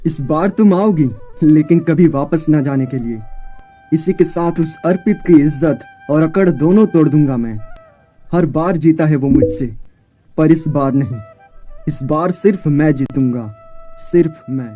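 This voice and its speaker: A man as a scheming ex-lover, dark mellow voice. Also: high-pitched, normal speed, soft background music, natural voice. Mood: gloating. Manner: pleading, then gloating. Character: scheming young male ex-lover, manipulative. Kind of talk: Hindi audio drama acting.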